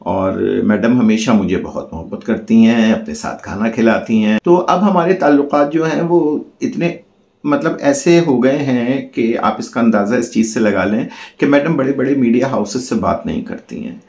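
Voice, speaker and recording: A man's voice: medium pitch, normal speed, creaky, darkish tone, roomy sound. A man telling a heartfelt personal story as a channel host, in earnest, formal diction.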